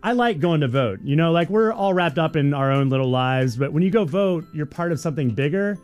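A man with a fairly high voice co-hosts morning radio. He talks casually over faint music. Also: lively intonation, brisk, a little mellow. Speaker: radio morning show co-host.

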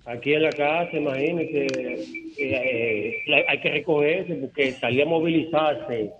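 A man's voice: a little high, measured pace, a loud crowd. A man calling into a radio show from home over the phone, chatting and rambling with lots of hesitant fillers. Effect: phone line into a radio show. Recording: tinny phone line.

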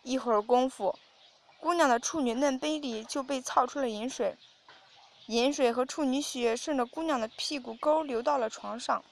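A woman narrating an audio story in a steady reading voice. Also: high voice, normal speed.

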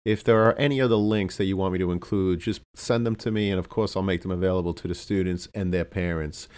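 A man's voice: low-pitched, fairly even intonation, fast talker, a little mellow, smooth. A man hosting a podcast interview, asking questions in a formal, complimentary way. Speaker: podcast host.

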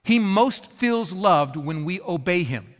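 Bright, animated man preaching in a hall. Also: sits high, slow pace. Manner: animated, conversational, acts out little scenes with playful humor. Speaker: pastor. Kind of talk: sermon. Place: church auditorium. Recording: long reverb of a large hall.

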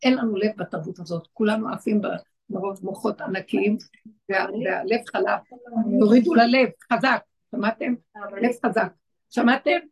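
A woman's voice: mid-range voice, breathy edge. A woman leading a religious lesson for women, urging her listeners on with short, repeated phrases. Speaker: spiritual teacher leading a women's class.

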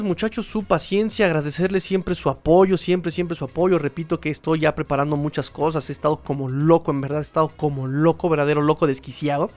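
This fairly high-voiced male podcaster from Mexico talks sports solo, keeping his commentary casual, conversational, and full of colloquialisms.

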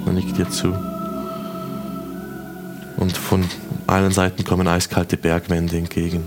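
A man from Switzerland narrating as game master of a tabletop game, slow and dramatic, voicing figures' quotes. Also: deep voice, monotone. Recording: music playing behind.

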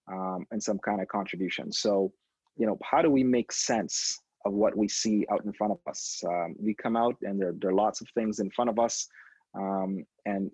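A thoughtful man from Trinidad and Tobago, a guest who consults on education innovation, answers questions in a conversational interview. His voice is low, husky and darkish, and he reflects aloud with frequent ums, repeated words and restarts. The dry recording sounds dull and lo-fi.

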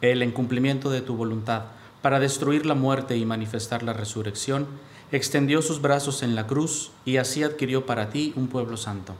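A male priest leading the prayers of a Mass with steady, solemn recitation, his voice carried by the echo of a large church. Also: medium pitch, normal speed. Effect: cathedral echo. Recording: echoey church with faint background hiss.

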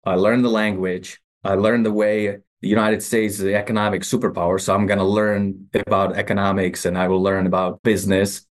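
A Czech-accented man around fifty, a guest in an interview, tells his story at an unhurried, matter-of-fact pace. His voice sits fairly low, and he drops in dry, wry asides. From Czech Republic. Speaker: guest, company CEO.

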